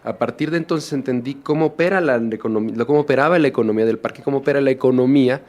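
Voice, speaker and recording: A man's voice: mid-range voice, rapid-fire, darkish tone. A man from Mexico, a documentary filmmaker talking through his work in a casual interview, reflective and full of restarts. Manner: reflective, many restarts and fillers.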